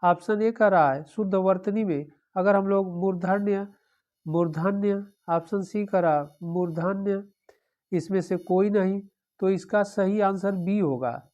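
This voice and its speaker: A woman's voice: mid-range voice, unhurried, warm tone, muffled recording. A woman teaching an exam-prep lesson, going through the answer options one by one and repeating them, with a frequent "okay".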